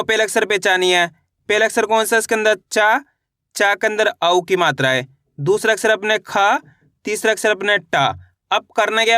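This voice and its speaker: A man teaching children's reading, drilling each syllable slowly and asking his class how to read each word. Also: high-pitched, pushed and bright, no echo, clean studio sound. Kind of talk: online lesson.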